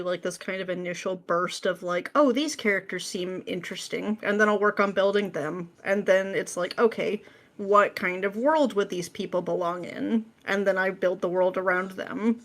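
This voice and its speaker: A woman who writes scripts is a guest on a podcast, chatting casually at a normal pace in a mid-range voice. She explains things informally and often talks through her own thought process out loud.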